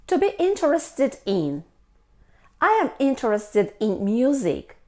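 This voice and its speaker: A woman teaching English, reading short example sentences in a careful, deliberate way. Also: mid-range voice, darkish tone. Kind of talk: slow scripted lesson reading example sentences.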